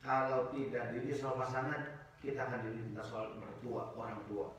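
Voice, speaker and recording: A man preaching in a relaxed, joking way, now and then putting on the whiny voices of people who bring him their complaints. His voice comes from some distance and rings around a large, echoing mosque hall, with a faint hum of the room behind. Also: medium pitch, a little fast. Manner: acts out congregants' complaints in raised voices, jokes with the audience. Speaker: ustaz giving a study circle talk. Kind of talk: casual humorous sermon. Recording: echoey mosque hall from far off.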